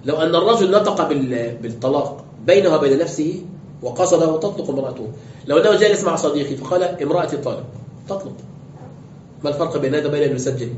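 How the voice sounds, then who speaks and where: A man's voice: a little high, a little mellow. A man teaching as a sheikh in a classroom lecture, explaining step by step and asking rhetorical questions. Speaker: sheikh teaching tafsir and fiqh. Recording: dull roomy lecture recording, faint noise.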